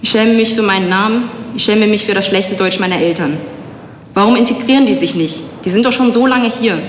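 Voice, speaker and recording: A young woman from Germany giving a public talk, telling personal stories in an earnest, measured way with slow, emphatic pauses. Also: mid-range voice, a little hiss or hum. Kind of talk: personal spoken-word speech. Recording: echoey hall with long reverb.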